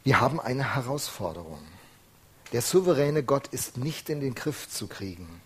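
A man's voice: medium pitch, big pitch swings, moderate pace, a bit bright, breathy edge. A male preacher giving an earnest, emphatic sermon full of rhetorical questions.

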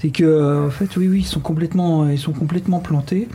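A man's voice: on the high side, fairly even intonation, a little fast, mellow, husky. A man hosting a radio show, talking casually with many fillers and restarts.

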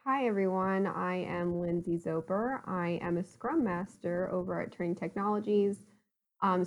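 A woman, talking as a podcast guest. Her voice sits a little low. She is chatty and friendly, with easy fillers and frequent laughs. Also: darkish tone, highs cut off. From Ohio, USA. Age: 30s. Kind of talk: casual interview chat.

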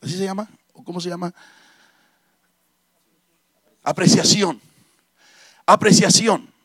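A middle-aged pastor preaches fervently, with a strikingly high-pitched voice. He repeats his hallelujahs and pushes into shouted peaks. The sound is dry and close, with no room echo. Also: fairly even intonation, normal speed, husky. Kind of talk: sermon.

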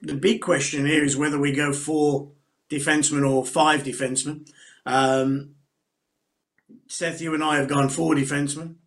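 A man co-hosting a sports podcast, leading the talk and telling lively anecdotes. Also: a little high, normal speed. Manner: animated anecdote teller, leads the discussion. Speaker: podcast co-host. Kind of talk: casual sports chat.

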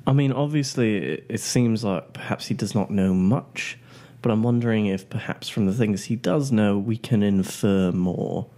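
A man's voice: fairly low pitch, moderate pace, few pauses, dark tone. A man playing a tabletop role-playing game, casually discussing plans with the group.

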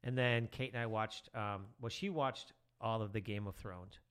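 With a clear, resonant tone and fairly low pitch, this middle-aged teacher talks at normal speed. He's a podcast guest chatting casually, relaxed and rambling with lots of fillers.

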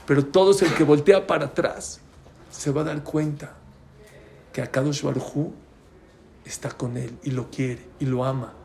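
A man's voice: on the high side, fairly even intonation, normal speed, creaky, long pauses, warm tone, slight background noise. A man, a rabbi giving a storytelling sermon who keeps asking his listeners questions. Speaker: rabbi teaching a Torah class.

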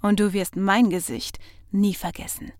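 A woman voicing a grimy male hacker who hisses threats in a low whisper, in an audiobook. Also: level tone, a little slow, a little mellow, no room sound, clean studio sound, natural voice. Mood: menacing whisper. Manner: whispered, menacing.

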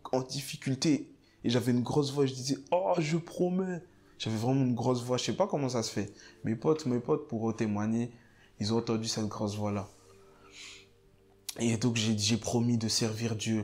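A man giving a personal testimony in church, halting and repeating himself with many fillers. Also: medium pitch.

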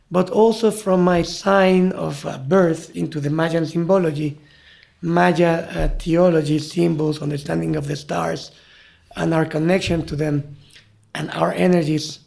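A man's voice: a little high, steady tone, measured pace, creaky, darkish tone. A man from Mexico City with a Mexican Spanish accent, a native Spanish speaker and guide, talking reflectively and searching for words in an interview.

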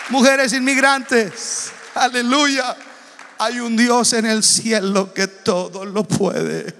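A man preaching a sermon, shouting exhortations and then dropping to a hush. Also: very high-pitched, fairly even intonation, slow pace, long reverb tail, a faint crowd, a little hiss or hum. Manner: impassioned, shouting exhortations, swinging from loud to hushed.

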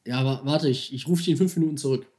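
Man, casual story, excited, slangy, acts out his own dialogue. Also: medium pitch, quick pace. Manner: excited, animated, slangy retelling with reenacted dialogue. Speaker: angler telling a fishing story.

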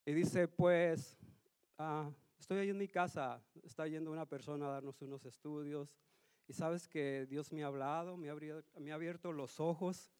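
A man's voice: fairly high pitch, fairly even intonation, normal speed, darkish tone, clean tone, dry recording. A man giving a sermon as a guest preacher in a church, telling a personal story in an earnest, slightly nervous way. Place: church hall.

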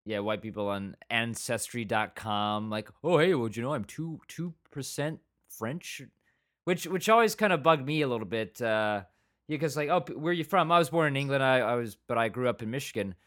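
A man's voice: mid-range voice, animated, normal speed, fairly bright tone. A man co-hosting a podcast, chatting casually about a TV episode and drifting into quoted asides. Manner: rambling, full of restarts and quoted asides. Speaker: podcast co-host. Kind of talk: casual review chat.

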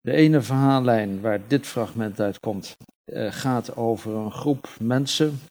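A man's voice: mid-range voice, takes it slowly, a little mellow. Man explaining at a book reading. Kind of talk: unscripted talk about a novel.

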